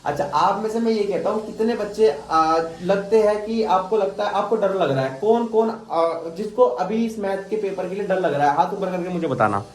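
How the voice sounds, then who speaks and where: A man's voice: high voice, normal speed, few pauses. Encouraging male math teacher in echoey classroom. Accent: Delhi Hindi. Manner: encouraging, conversational. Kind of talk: classroom pep talk. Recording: roomy classroom echo.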